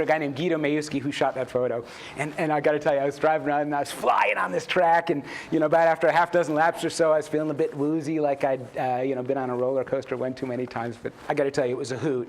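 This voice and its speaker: A man's voice: on the high side, slight background noise. Chatty man giving a conference talk. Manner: chatty, self-deprecating, many fillers and restarts. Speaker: conference speaker, journalist and author. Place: conference stage before an audience.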